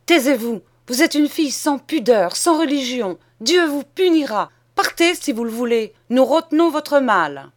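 A woman's voice: high-pitched, animated, normal speed, few pauses, voice pushed up. A woman voicing a stern scandalized nun. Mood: reproachful. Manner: pious, scandalized reproaches. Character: stern indignant older nun scolding a maid.

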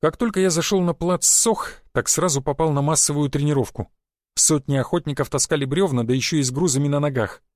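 A man narrating an audiobook in a steady, measured reading. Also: a little high, no echo, clean studio sound. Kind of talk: scripted narration.

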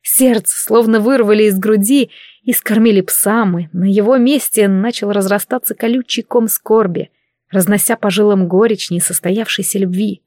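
A woman reading a first-person fantasy audiobook in an emotive, measured way. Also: medium pitch, steady tone, warm tone, dry recording, clean studio sound. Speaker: audiobook narrator.

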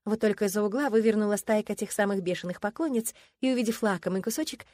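A woman narrating an audiobook with lively, expressive storytelling. Her voice sits at a middling pitch, and the recording is dry and close, with no room sound. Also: quick pace, no echo.

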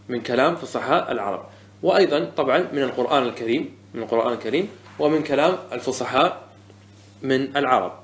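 A man teaching a lesson on Arabic morphology, asking the class questions and answering them himself. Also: mid-range voice. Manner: repeats key words and corrects common mistakes.

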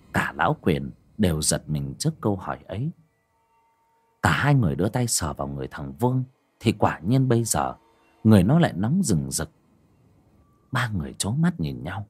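A man tells a horror story with dramatic expression. His voice is low and husky, and it rises and falls freely. He narrates at an even pace. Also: moderate pace.

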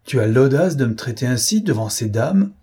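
A man's voice: medium pitch, a little slow, warm tone, slightly rough. A man doing a flustered old shipowner. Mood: indignant. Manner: flustered, indignant. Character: indignant older male shipowner, flustered.

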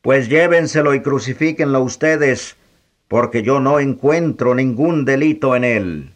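A man reading the lines of a wary Roman governor, measured and questioning. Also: mid-range voice, lightly acted.

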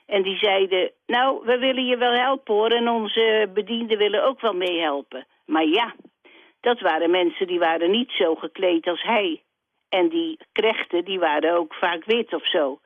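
A woman from the Netherlands calling in to a radio show over the phone, telling a story in a plain, steady way. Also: mid-range voice, normal speed, no echo. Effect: heard over a telephone line. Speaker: radio call-in caller. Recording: dry, tinny phone line.

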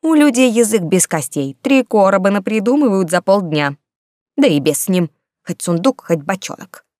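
Brief: fretful, hot-tempered gossip laundress, a woman doing the voice, shrill and loud, dry read. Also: expressive, moderate pace, dry recording, lightly acted. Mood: agitated scolding. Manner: loud, scolding, agitated.

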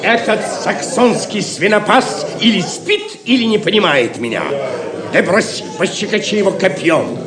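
An actor playing a haughty, mocking, hot-tempered medieval prince in a theatrical audio drama, with an imperious, sneering delivery. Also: male voice, high-pitched, lively intonation, moderate pace. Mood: scornful, commanding. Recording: crowd noise behind. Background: crowd of spectators.

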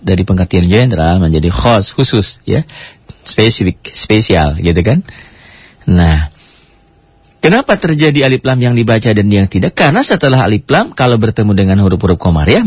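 A man teaching Quran reading, explaining step by step, asking rhetorical questions and reciting Arabic words slowly for practice. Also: medium pitch, breathy edge, dry recording, lo-fi sound. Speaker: religious teacher.

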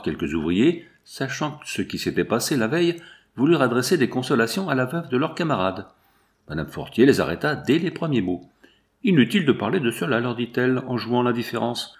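Male audiobook narrator; gravelly, lively intonation, measured delivery. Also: medium pitch.

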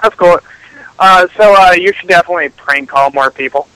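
A male caller heard over a phone line, talking in a slightly raised, bright voice. He is laid-back and uses crude slang, with laughs between his lines. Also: sits high, brisk, smooth, no room sound. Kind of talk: casual call-in chat.

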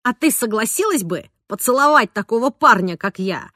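A woman reading the part of a sulky, stubborn teenage boy in an audiobook, in a low, muffled, grumbling voice. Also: lively intonation, normal speed, sharp tone, dry recording, clean studio sound.

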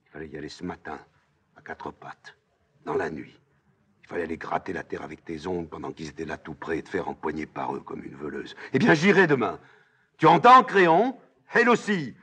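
A man reading a play aloud, voicing a defiant young woman with shrill, mocking outbursts. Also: flat delivery, a little fast, husky. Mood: bitter hushed.

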